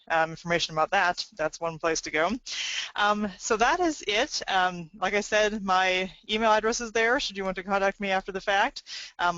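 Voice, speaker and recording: A woman gives a webinar presentation with a bright, forceful tone and a smooth, crisp voice. She talks conversationally and often fills pauses with "um". The audio is slightly dull and dry, as from a computer microphone. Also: fairly low pitch, no echo. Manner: conversational, with frequent fillers.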